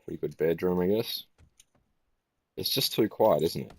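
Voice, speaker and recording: A tired man giving casual gameplay commentary in a flat, musing way. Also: sits low, moderate pace, husky, no room sound. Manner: self-described monotone, relaxed and musing.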